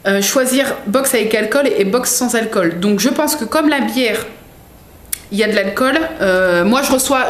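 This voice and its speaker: A woman vlogging an unboxing in a casual, rambling way, full of fillers and self-corrections. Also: fairly high pitch. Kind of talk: casual chatty product unboxing. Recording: echoey room with faint background noise.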